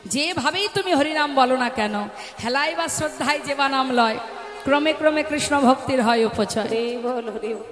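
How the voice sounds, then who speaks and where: Female devotional preacher, bright high voice, questioning her audience in a reverberant hall. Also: moderate pace. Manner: addresses the audience directly with questions. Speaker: kirtan preacher. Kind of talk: devotional sermon. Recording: echoey hall with music behind.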